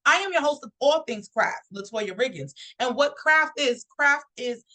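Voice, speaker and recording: A woman hosts a live online show with a bright, forceful voice sitting a little high. She is upbeat and chatty and talks straight to her viewers. She grew up in New York. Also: expressive, moderate pace, rough recording. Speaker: host. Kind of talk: live-stream talk show host.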